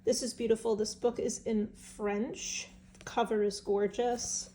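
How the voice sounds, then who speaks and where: A woman's voice: fairly high pitch, level tone, measured pace, warm tone, a little hiss or hum. A woman with a stuffed-up nose, chatting casually and enthusiastically as she shows off an estate sale book haul. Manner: chatty, enthusiastic, musing aloud with fillers. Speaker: vintage seller showing an estate sale haul. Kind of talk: casual show-and-tell vlog.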